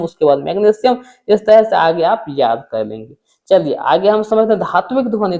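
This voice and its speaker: Male tutor, higher voice, poses questions then answers them, muffled sound. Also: mellow. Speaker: teacher. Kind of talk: exam-prep chemistry lesson.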